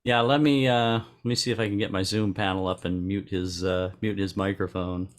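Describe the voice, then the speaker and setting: Low-ish guy reading out entries and critiquing photos, kinda halting. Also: fairly even intonation. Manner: halting, many restarts. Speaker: club presenter.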